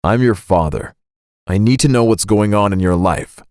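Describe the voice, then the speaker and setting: Vengeful judge father, low and smug, put on by a male narrator. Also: moderate pace, darkish tone, no room sound, clean studio sound, close to an everyday voice. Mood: stern. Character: cold vengeful middle-aged father, a judge.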